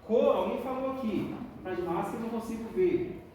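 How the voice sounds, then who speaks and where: In this classroom lesson, a woman with a brisk, slightly high voice explains things patiently and checks in with the students often. There's crowd noise, and the recording has an echoey room, a distant mic and faint noise.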